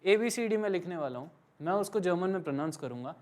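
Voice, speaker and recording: A male language teacher giving a live classroom lesson, patiently drilling letters with pauses for students to repeat and mixing English phrases into his explanations. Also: sits high, animated. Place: classroom with some students present.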